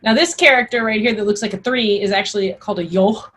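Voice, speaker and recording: A woman teacher with a husky, breathy edge to a middle-pitched voice takes listeners through Old English pronunciation. She explains informally, then sounds out and recites the old words with deliberate enunciation. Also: a bit bright.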